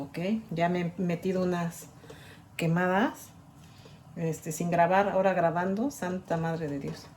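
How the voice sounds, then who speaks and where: Mexican woman, cooking host, casual and talkative, lowish voice, faint background noise. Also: darkish tone, roomy sound. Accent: Mexican Spanish. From Mexico, Guadalajara. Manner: chatty, stubborn, keeps asking "¿ok?". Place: home kitchen.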